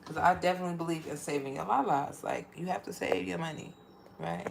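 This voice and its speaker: A woman's voice: fairly low pitch, fairly quick, gravelly, background noise. A woman hosting a casual cooking livestream from her home kitchen, chatting as she works, repeating herself and using lots of fillers. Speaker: home cook livestream host.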